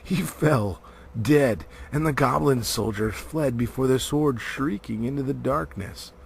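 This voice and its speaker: An amateur audiobook reader gives a theatrical, emphatic storybook narration, his volume rising and falling. His voice is medium-pitched and gravelly, and he takes his time. Background noise is noticeable.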